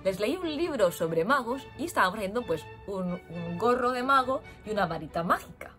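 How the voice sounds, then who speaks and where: A young woman from Spain, a teacher in Japan, telling funny classroom stories in an animated way and acting out the children's voices. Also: medium pitch, brisk, music in the background. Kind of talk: storytelling vlog.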